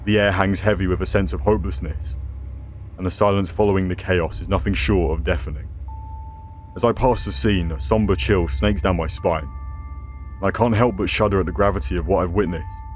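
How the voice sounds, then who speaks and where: A man's voice: low-pitched, steady tone, brisk, faint music behind. A man narrating scripted horror stories as a host, with a theatrical, ominous horror-host delivery.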